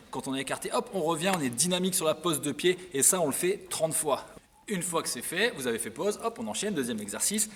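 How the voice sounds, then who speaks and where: A man's voice: on the high side, a bit bright, slight background noise. Man coaching a workout in an echoey hall. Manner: instructive, counts reps while exercising. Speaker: fitness coach. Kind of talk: workout demonstration. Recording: echoey hall, distant mic, music.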